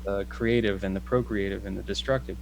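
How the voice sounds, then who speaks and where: A man's voice: lowish voice, fairly even intonation, brisk, creaky, a little hiss or hum, rough recording. A man in a casual video-call conversation who reasons aloud, restarting phrases and checking in with "right?". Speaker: guest.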